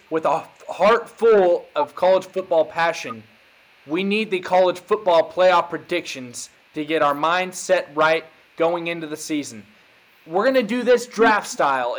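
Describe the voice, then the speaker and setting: A man hosting a podcast, talking college football in a hyped, emphatic casual way. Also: on the high side. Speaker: podcast host. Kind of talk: casual sports chat.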